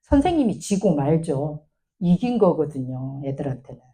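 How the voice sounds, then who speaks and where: A woman's voice: low voice, normal speed, slightly rough, low-quality recording. A woman lecturing a teachers' seminar, acting out what to say to children, with in her speech. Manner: animated, acts out what to say to children. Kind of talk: lecture with acted examples.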